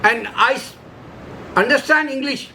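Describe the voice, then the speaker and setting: A religious video maker from India, whose first language is Urdu, preaches solo in short, emphatic phrases of broken English with an Indian accent. His voice is extremely high, pushed and bright, at a measured pace. A little hiss or hum can be heard.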